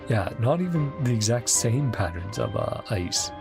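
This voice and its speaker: Speaking close to the mic with game music in the background, a woman reacts casually to a video game, thinking out loud and letting thoughts trail off. Her voice is rumbling low with vocal fry, very animated, and moves at a normal speed.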